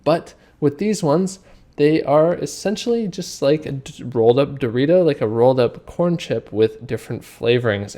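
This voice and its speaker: A man's voice: mid-range voice, mellow. A man hosting a casual food review, talking conversationally and describing things in careful detail. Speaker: food reviewer and video host. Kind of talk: casual product review commentary.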